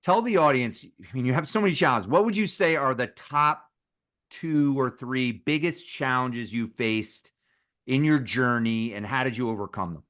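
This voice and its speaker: A man hosting a business interview show, asking questions in an energetic way with quick asides. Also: mid-range voice. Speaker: podcast host.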